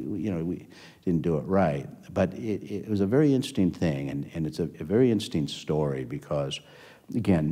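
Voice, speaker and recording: Deep-voiced older man telling stories. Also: warm tone, breathy edge. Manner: rambling anecdotal telling with frequent restarts and "and so on". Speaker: interviewee. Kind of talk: oral history interview storytelling. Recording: long hall reverb.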